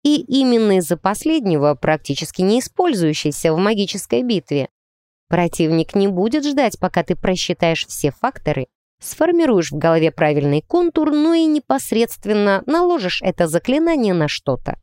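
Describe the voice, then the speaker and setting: A woman narrating a first-person novel as an audiobook, lively and ironic in her storytelling. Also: mid-range voice, normal speed, smooth, no echo, studio quality.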